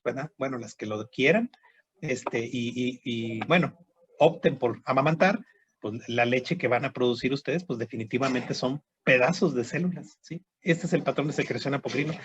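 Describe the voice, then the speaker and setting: A man's voice: medium pitch, dull audio, slight background noise. A man teaching a histology class online, explaining step by step and checking in with students. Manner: explanatory, repeats terms, frequent "¿sí?" and "¿verdad?" checks.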